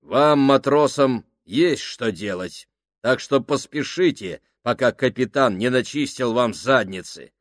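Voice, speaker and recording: A man voicing a tough, crude male foreman who barks orders and mocks roughly. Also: mid-range voice, animated, unhurried, no echo, studio quality, voice pushed up, lightly acted. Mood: commanding. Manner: rough, mocking, commanding.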